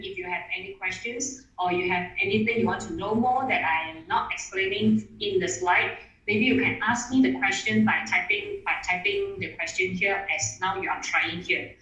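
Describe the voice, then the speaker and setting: Presenting online in an echoey room, this eager webinar speaker, a native Mandarin speaker, has a mid-range, slightly bright voice. She repeats words and restarts phrases, and the audio is picked up from a distance.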